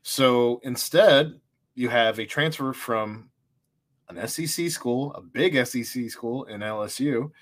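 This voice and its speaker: Male host, mid pitch, conversational sports rundown, easy laugh. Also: a little slow. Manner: steers the talk, rundown of college football news, laughs easily. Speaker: podcast host. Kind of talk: casual sports chat.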